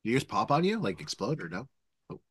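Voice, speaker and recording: A man's voice: fairly low pitch, a little fast, husky, no room sound. A man co-hosting a casual beer-review podcast, joking and laughing as he talks. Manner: joking, animated, laughs a lot. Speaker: podcast co-host. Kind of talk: casual chat reviewing beers.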